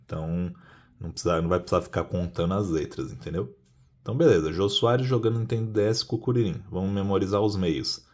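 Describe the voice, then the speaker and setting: A man's voice: deep voice, steady tone, quick pace, a little mellow. A man explaining a puzzle-cube method step by step in a casual hands-on tutorial, often asking rhetorical questions.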